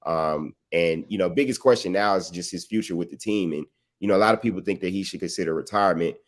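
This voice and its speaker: A man with a very low, deep voice hosts a relaxed sports talk show. He leans on "you know" and "um" and asks long, winding questions. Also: fast talker.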